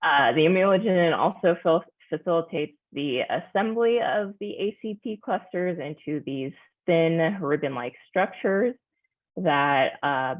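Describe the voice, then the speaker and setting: A woman scientist giving a careful, measured technical presentation over a video call. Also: low-pitched, lively intonation. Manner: careful, measured, with frequent pauses. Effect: heard over a video call. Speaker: scientist presenting a conference talk. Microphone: computer mic on a video call. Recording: tinny video-call audio.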